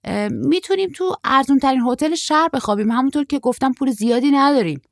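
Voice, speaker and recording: A woman's voice: creaky, dry recording, clean studio sound. A woman voicing a short, stocky young male surfer who is eager and carefree. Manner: excited, quick, high-pitched boyish delivery.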